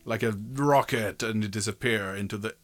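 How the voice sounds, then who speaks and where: A man's voice: fairly low pitch, moderate pace, fairly bright tone, faint music behind. A man narrating a tabletop game casually as game master, informal and joking, with sweary asides.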